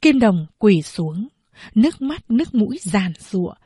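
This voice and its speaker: A woman narrating a story in a steady, even storytelling voice. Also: mid-range voice, measured pace, husky, no room sound, studio quality.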